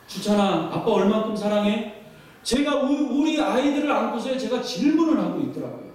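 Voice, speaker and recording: A man's voice: high-pitched, darkish tone. A man preaching a sermon as pastor, putting question after question to the congregation and repeating his points for emphasis. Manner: asks the congregation many questions, emphatic repetition. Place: church sanctuary. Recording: echoey church hall, distant mic.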